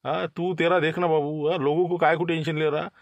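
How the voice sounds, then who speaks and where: A man's voice: on the high side, level tone, brisk, no room sound, highs cut off, natural voice. A man playing a menacing, swaggering local extortion racketeer in a comic sketch. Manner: menacing, swaggering street talk.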